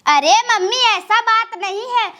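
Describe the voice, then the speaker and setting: A woman's voice: very high-pitched, animated, measured pace, bright, forceful tone, exaggerated voice. A woman with an Awadhi accent playing a pampered, newly married young daughter who shows off and whines in a comedy sketch. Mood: boastful. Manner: showing off, whiny.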